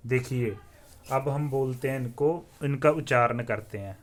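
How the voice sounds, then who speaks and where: A man teaching the alphabet in a slow classroom style, sounding out letters one by one and asking listeners to repeat after him. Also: mid-range voice. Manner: drills letters aloud and asks viewers to repeat; often says "theek hai ji" as a filler. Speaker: Hindi teacher.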